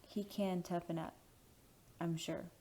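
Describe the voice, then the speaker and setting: A man voicing a worried young wife in a soft, hushed falsetto for an audiobook. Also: flat delivery, takes it slowly. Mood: pleading. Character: worried young wife pleading for her husband. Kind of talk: audiobook character voice.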